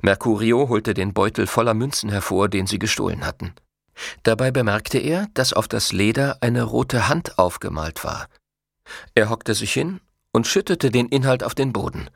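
A man's voice: fairly low pitch, moderate pace, gravelly, no echo, clean studio sound. A man narrating a novel as an audiobook, reading expressively. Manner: expressive storytelling. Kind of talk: scripted narration.

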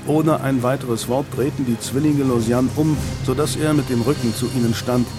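Brief: male audiobook narrator, mid pitch, steady storytelling, music bed. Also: moderate pace. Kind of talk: scripted narration.

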